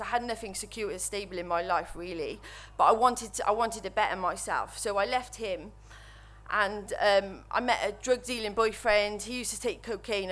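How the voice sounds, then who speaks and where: A woman's voice: mid-range voice, fairly bright tone. Welsh woman late 30s, nervous, lots of ums and false starts, speaking at a mic to a room. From Wales. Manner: nervous, halting, many ums and restarts. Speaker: speaker sharing recovery story. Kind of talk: personal testimony to an audience. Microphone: microphone while standing before an audience.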